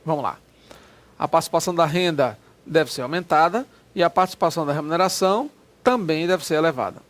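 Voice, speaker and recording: Man teaching grammar, fairly high. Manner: explanatory, drawn-out stressed words, frequent "né?" checks. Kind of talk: exam-prep lecture walking through test questions.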